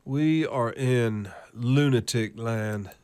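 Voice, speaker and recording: A man hosting a current-events video, ranting with profane, scornful and sarcastic commentary over clips, reading lists in a steady cadence. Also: medium pitch, slow, smooth.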